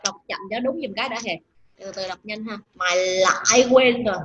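A woman teacher giving an online English pronunciation lesson, drilling words slowly and coaxing her class in a chatty, teasing way. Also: mid-range voice, fairly bright tone, lo-fi sound. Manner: drills words slowly, stretching each sound.

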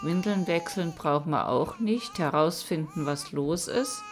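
A woman's voice: low voice, measured pace, a little hiss or hum. A woman giving casual let's-play commentary, chatting along and talking to her game characters as she plays.

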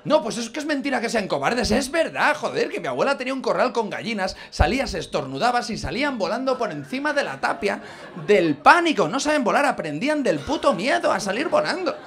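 A man's voice: very high-pitched, big pitch swings, brisk, a bit bright. A man from Spain doing a stand-up monologue in a club, rambling and exasperated, peppering his lines with "¿sabes?". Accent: Spain Spanish. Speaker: stand-up comedian. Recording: audience laughter in the room.

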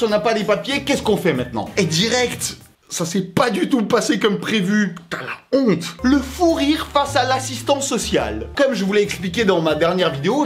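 Animated young man with a Russian accent. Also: sits high. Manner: joking, animated, slangy asides. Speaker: YouTuber. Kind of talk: personal storytelling vlog.

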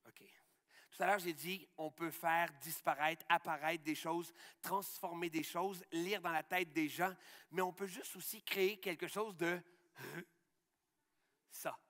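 A Québécois-accented man performs and explains a magic trick for schoolchildren. His voice sits a little high and sounds bright and forceful. He coaches in an upbeat way, asking again and again whether everyone can see. The sound carries a long reverb from a large hall. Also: unhurried. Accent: Québécois French. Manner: upbeat, coaching step by step, checking often that the audience follows.

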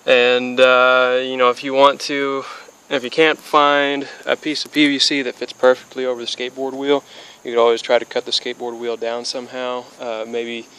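Standing outside by a car and later under a metal-roofed shed, a young DIY hobbyist in his twenties rambles through a casual how-to, spacey from illness. His mid-range voice moves smoothly at normal speed with hardly any pauses. The delivery is flat, and it's packed with fillers and restarts. The recording quality is low.

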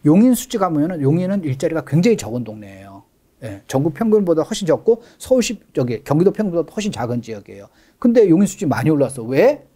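Fast-talking man explaining, mellow voice. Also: on the high side, very animated. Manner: fast, emphatic explaining, stresses key words. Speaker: real estate expert guest. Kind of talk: explanatory interview talk.

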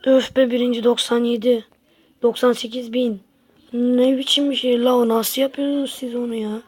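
A woman's voice: fairly high pitch, level tone, moderate pace, darkish tone, breathy edge. A woman giving casual gameplay commentary to her viewers, grumbling and exasperated as she plays. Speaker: gaming channel host.

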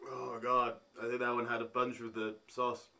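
A man vlogging as he tastes food, talking in halting bits while he thinks aloud between bites. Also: medium pitch, completely flat delivery, creaky, pushed and bright. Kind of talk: food tasting vlog.

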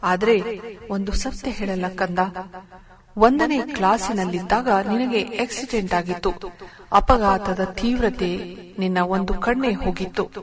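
Tender, self-sacrificing dying mother, one eye lost, soft and intimate, read by a woman storyteller; crowd murmur behind. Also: medium pitch, a little slow, close to an everyday voice.

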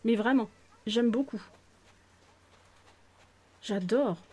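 Speaking very slowly in a fairly high, darkish, slightly rough voice, this woman tours viewers' islands for a gaming video. Her commentary is casual and gushing, with many exclamations and some near-whispers, set against faint music.

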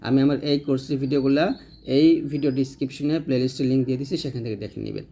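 A man teaching Arabic letter pronunciation, patiently repeating each sound slowly for learners to copy. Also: medium pitch, mellow. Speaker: Quran reading teacher. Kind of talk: step-by-step pronunciation lesson.

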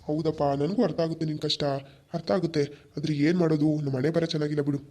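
A man voicing an older male elder who calmly consoles a worried brother in a village drama. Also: fairly high pitch, fast talker, natural voice. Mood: consoling. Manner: consoling, fatherly. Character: older male elder called Baba, reassuring.

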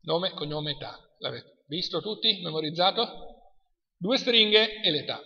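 A man's voice: fairly high pitch, animated, unhurried. A man with an Italian accent giving a university lecture, chatty and quizzing the class. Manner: chatty, asks the class questions. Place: lecture hall. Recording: dull lo-fi sound in a reverberant hall.

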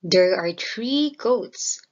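A woman slowly and clearly reading a simple children's story aloud as a storyteller. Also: mid-range voice, expressive, dull audio. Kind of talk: slow storybook reading for learners.

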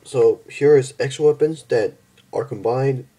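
A young man casually reviewing and transforming a toy figure, halting and stumbling over his words, tired from just waking up. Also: mid-range voice, dark tone, slightly rough. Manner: halting, stumbles and restarts often.

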